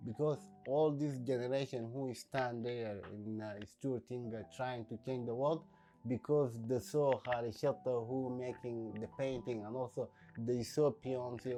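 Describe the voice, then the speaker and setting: A man speaks in a documentary interview, in a mellow, warm voice. He talks reflectively, pausing and filling gaps as he searches for words. Soft music plays faintly beneath him. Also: mid-range voice. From Sudan. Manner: reflective, halting with many fillers. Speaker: painter.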